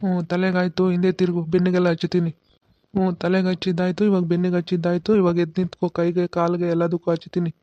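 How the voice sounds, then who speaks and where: A man's voice: sits high, monotone, fast, mellow, dry recording, muffled recording, close to an everyday voice. A man voicing a patient village father in a cartoon who explains the ritual step by step and keeps checking that he is understood. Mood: instructive. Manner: instructive, keeps asking "okay?". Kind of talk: cartoon voice acting.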